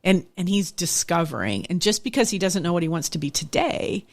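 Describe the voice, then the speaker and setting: Middle-aged woman guest, gravelly, reflective storyteller. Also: on the low side, animated, fairly quick. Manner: reflective, candid storytelling with frequent restarts. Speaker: nonprofit executive director, podcast guest. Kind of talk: conversational interview.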